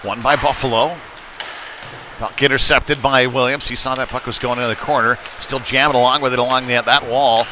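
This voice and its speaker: Brisk and steady in tone, a man's medium-pitched voice delivers live play-by-play of a youth hockey game. The commentary is folksy and chatty with analytical asides, and rink noise can be heard behind him.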